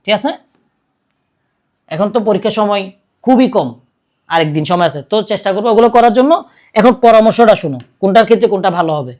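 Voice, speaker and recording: A man's voice: sits high, lively intonation, fast talker, pauses often, darkish tone. A young man teaching a casual exam-prep video lesson. He keeps checking in with his students and answers his own questions in a coaxing, friendly way.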